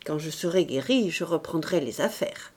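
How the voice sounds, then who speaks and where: A woman's voice: low-pitched, lively intonation, moderate pace, a little mellow, husky. A woman reading a distracted, anxious middle-aged man. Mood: distracted, defensive. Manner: vague, then agitated and stammering.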